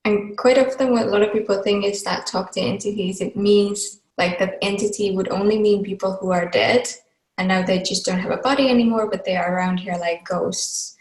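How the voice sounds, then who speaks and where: A woman's voice: medium pitch, steady tone, a little fast, darkish tone. A woman from Finland hosting a casual online talk, chatty and loose, with many fillers and laughs. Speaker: host. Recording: echoey room sound.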